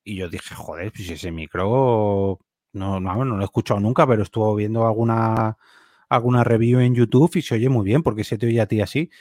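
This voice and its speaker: A man's voice: lowish voice, normal speed, a little mellow, dry recording, clean studio sound. Rambling middle-aged man. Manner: rambling, hesitant, frequent fillers and restarts. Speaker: guest. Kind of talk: casual chat.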